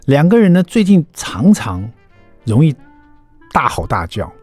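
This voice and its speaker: A middle-aged man, hosting a radio talk show and telling family stories in an animated way. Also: a little high, unhurried, dry recording, soft background music. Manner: animated, mimics voices while telling anecdotes. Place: radio studio. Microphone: studio microphone.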